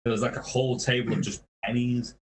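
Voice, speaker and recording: Telling stories on a podcast, a touring metal musician wanders from tangent to tangent, swearing all the time and laughing as he talks. He speaks fast at a medium pitch with fairly even intonation.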